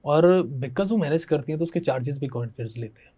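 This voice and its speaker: A man's voice: a little high, quick pace, warm tone, breathy edge. A man hosting a casual podcast, asking probing follow-up questions and addressing his guest in a casual, familiar way. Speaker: podcast host, interviewer.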